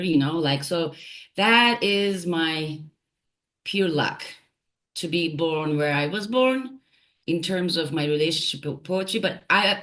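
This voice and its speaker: A woman from Turkey, a poet and translator, talking reflectively in an interview, thoughtful and halting with many fillers and restarts. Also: on the low side, a bit bright.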